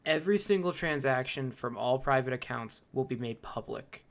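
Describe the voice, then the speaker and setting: A man with a mid-range voice talks as a podcast co-host. He rants with animated opinions, swears often and speaks in a loose, casual way. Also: medium pitch, normal speed, gravelly. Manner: animated, ranting, swears freely. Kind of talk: casual chat.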